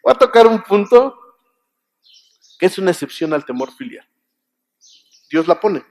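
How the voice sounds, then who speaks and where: High-voiced Mexican preacher man. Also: sing-song, measured pace, a little mellow. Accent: Mexican Spanish. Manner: conversational, asks the congregation for agreement; repeats and restarts words. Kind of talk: sermon. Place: church.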